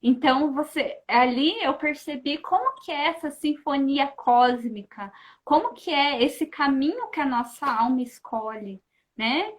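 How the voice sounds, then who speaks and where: A high-pitched woman talking as a guest in a relaxed conversation. She tells her story with lively energy, acting out her own past thoughts in little asides. She keeps tagging her sentences with quick questions. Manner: animated, keeps adding questioning tags. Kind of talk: casual storytelling chat.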